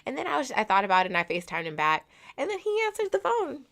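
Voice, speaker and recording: A woman's voice: high-pitched, huge pitch swings, fast, a bit bright. A woman co-hosting a casual chat, telling a dating story candidly, with lots of "like" and casual swearing. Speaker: podcast co-host.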